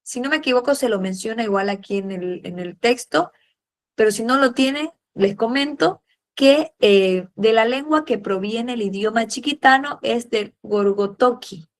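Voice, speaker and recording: A woman teaching a history class, patiently calling on students and filling pauses with "eh" and "a ver". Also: fairly high pitch. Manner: patient, fills pauses with "eh" and "a ver", uses diminutives. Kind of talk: classroom lesson, questioning students.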